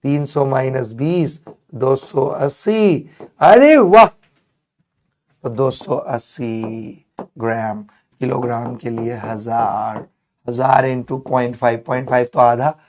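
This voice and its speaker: Hoarse male tutor, slow and drawn-out, teasing and affectionate with the class; good for a strained-voice teacher read. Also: mid-range voice, darkish tone. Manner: playful, coaxing, affectionate with students. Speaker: chemistry teacher. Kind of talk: live online exam-prep class.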